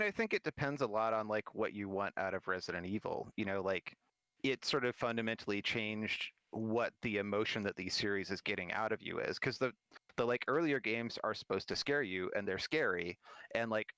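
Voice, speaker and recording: A man on a casual podcast, relaxed and hedging, laughing as he talks. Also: on the low side, moderate pace, clean tone, dry recording. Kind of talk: casual chat.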